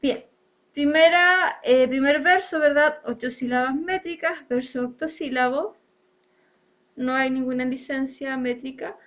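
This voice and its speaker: A woman's voice: sits high, unhurried, fairly bright tone, highs cut off. A woman teacher explaining a lesson step by step, often checking in with her students. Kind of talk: online class lesson on poetic meter.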